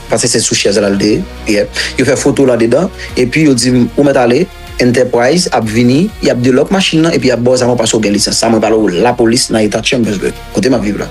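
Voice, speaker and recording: A man's voice: mid-range voice, a little mellow. A man from Haiti with a Haitian accent, recounting his own story as an interview guest in a rambling, repetitive way and mixing languages.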